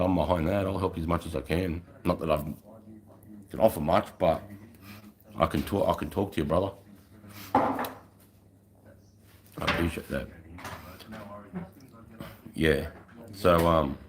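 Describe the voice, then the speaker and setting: An Australian man chatting casually on a livestream in a blokey, sweary way full of mates and bros. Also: low-pitched. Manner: blokey, frequent swearing and mate-bro slang. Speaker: livestreamer, former infantry soldier.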